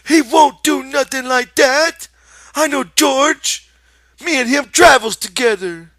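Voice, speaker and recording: A man voicing a big, childlike, simple-minded man who is pleading and excitable, whiny, with a rural American accent. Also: very high-pitched, slow pace, dry recording, pitched above the performer's own voice, heavily acted. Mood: frantic.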